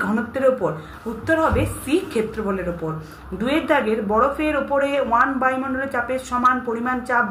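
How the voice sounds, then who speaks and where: A woman teacher, reading exam questions and their answers aloud and steadily telling students what to learn. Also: fairly high pitch. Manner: steady, instructive, addresses students directly. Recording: echoey room with faint hiss.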